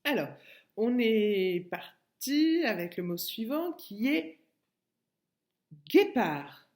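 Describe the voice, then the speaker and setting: A woman with a French accent teaches a young child slowly and patiently. She breaks each word into its syllables, and her pitch rises and falls with a lot of movement. The whole thing is a recorded lesson for a child working at home. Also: big pitch swings, a little mellow. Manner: slow, patient, spells words out syllable by syllable. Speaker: kindergarten teacher.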